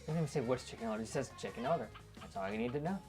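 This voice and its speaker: A woman's voice: a bass voice, animated, very fast. A woman hosting a casual let's play, chatting as she goes. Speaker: gaming host. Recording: game music behind voice. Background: video game music.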